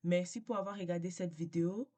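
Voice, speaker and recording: A woman giving a casual language lesson, repeating words slowly and patiently and switching between French and English. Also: fairly low pitch, steady tone, dark tone. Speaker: language teacher.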